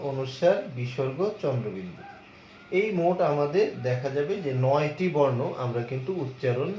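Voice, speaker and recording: A man's voice: mid-range voice, mellow, a little hiss or hum. A man from Bangladesh, a college lecturer, explaining step by step and answering his own questions. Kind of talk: lecture on pronunciation. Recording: echoey, muffled room recording.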